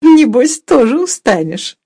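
A woman voicing a proud, playful young merchant's wife who teases in bright, raised exclamations. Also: sits high, big pitch swings, measured pace, pitched above the performer's own voice, exaggerated voice.

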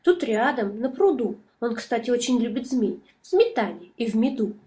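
A woman voicing a small, clever, boastful male mouse with a squeaky, cheeky voice in a storybook reading. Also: expressive, normal speed, warm tone, natural voice. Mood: sly.

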